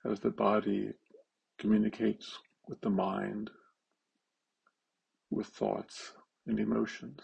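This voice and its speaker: Male meditation guide, low and raspy, fry-heavy, halting delivery with long pauses. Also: flat delivery, a little mellow, muffled recording.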